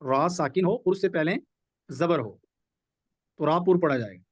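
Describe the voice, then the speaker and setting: A man's voice: fairly high pitch, animated, normal speed, breathy edge, no echo. A man teaching a tajweed lesson in a live online class, patiently repeating rules and examples. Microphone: video call.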